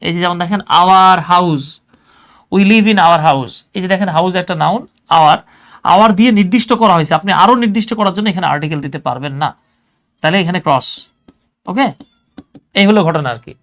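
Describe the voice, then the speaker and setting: A man with a high, slightly bright voice teaches an English grammar lesson in a relaxed classroom style. He explains step by step, repeats key points, asks rhetorical questions, and slows down to spell out words as he writes.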